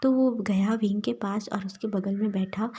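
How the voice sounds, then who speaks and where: Storyteller, woman, breathy and husky, mellow, halting. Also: medium pitch, fairly even intonation. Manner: halting, repeats words, breathy half-whisper. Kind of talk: reading fan fiction aloud.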